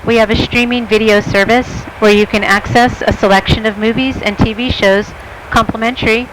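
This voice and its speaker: A woman's voice: a little high, fairly even intonation, fairly quick. A woman speaking as a flight attendant, giving a scripted airline cabin announcement to passengers. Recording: cabin announcement over airplane engine noise.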